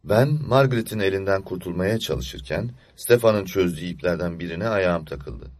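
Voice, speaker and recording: Low-voiced man narrating a story. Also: animated, normal speed, a little mellow, no room sound. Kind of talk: audiobook story reading.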